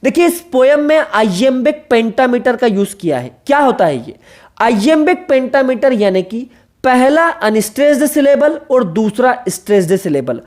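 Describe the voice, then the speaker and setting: A woman's voice: on the high side, lively intonation, normal speed, darkish tone. A woman teaching an exam-prep literature lecture, explaining step by step, repeating key terms, spelling them out letter by letter and checking in with rhetorical questions.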